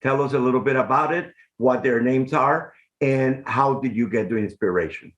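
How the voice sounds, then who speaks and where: A middle-aged man from Honduras, hosting an interview from his art-filled home over a video call, speaking in an effusive, deliberate way. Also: medium pitch, fairly bright tone, dull audio. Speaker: host, arts commissioner. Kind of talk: scripted-sounding interview hosting. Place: home room full of art and books. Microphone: video call webcam.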